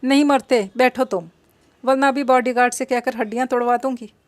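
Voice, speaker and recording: A woman's voice: normal speed, dry recording, lightly acted. A woman voicing a spoiled, hot-tempered rich young woman who bosses people around and makes threats. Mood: angry. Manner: shrill, bossy, threatening.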